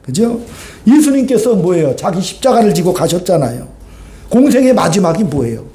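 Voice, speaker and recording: A male pastor preaching a sermon, telling the story with lively rhetorical questions and acted-out voices. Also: high-pitched, normal speed. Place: church sanctuary. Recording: echoey church hall.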